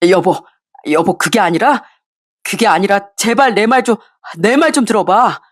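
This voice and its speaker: A woman's voice: medium pitch, expressive, moderate pace, dry recording, clean studio sound, natural voice. A woman voicing a flustered middle-aged husband caught cheating, stammering and pleading.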